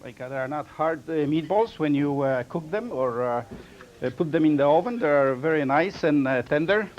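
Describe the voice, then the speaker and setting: A man demonstrating his own product on live TV, with halting, non-native phrasing. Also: fairly high pitch, lively intonation. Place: TV studio kitchen set. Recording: dull lo-fi TV audio.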